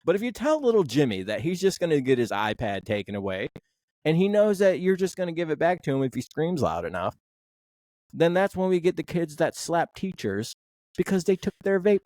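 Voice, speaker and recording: A man's voice: fairly high pitch, sing-song, brisk, a little mellow, dry recording, studio quality. Blunt, rambling male podcast host. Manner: blunt, rambling, swears freely. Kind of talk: casual sports podcast chat.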